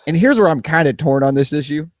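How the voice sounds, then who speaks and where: A man co-hosting a casual podcast, talking in a sarcastic, rambling way that swings from flat to animated. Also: on the high side, fast, a little hiss or hum. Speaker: podcast co-host.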